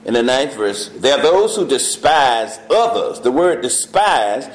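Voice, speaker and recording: Animated man teaching Bible study. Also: medium pitch. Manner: reads scripture slowly, quizzes the class. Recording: echoey church room.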